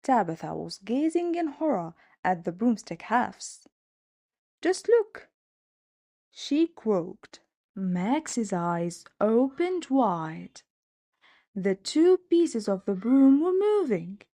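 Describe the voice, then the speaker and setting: A woman narrating a children's storybook in an expressive, measured way on a close mic. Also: mid-range voice, no echo.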